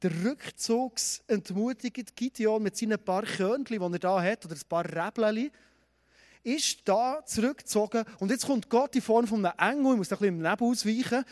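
A man's voice: high-pitched, darkish tone. A man preaching a sermon, retelling a story and asking the congregation direct questions. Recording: long hall reverb.

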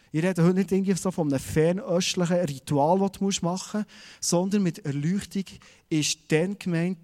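Swiss-accented male preacher, young adult, slightly high voice, animated storyteller. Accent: Swiss German. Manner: lively storytelling with acted-out voices. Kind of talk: sermon.

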